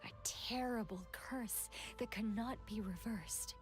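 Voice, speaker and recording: A woman playing a solemn, mysterious voice of doom in a video game, breathy, grave and deliberate. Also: on the high side. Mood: ominous, solemn. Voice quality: breathy, whispery. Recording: game music behind the voice.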